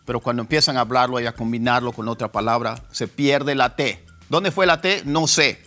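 A man teaching English pronunciation, repeating example words slowly as drills. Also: medium pitch, pushed and bright. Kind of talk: pronunciation lesson.

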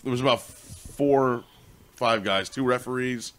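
A man's voice: mid-range voice, unhurried, fairly bright tone. A young man chatting on a comedy podcast, rambling with fillers and laughing. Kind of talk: casual comedy podcast chat.

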